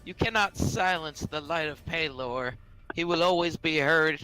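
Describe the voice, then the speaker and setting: A man's voice: fairly high pitch, bright, forceful tone, smooth, soft background music, low-quality recording. A man voicing a pompous, zealous male gnome cleric in a tabletop game who makes grand pronouncements. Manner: slow, pompous proclamations.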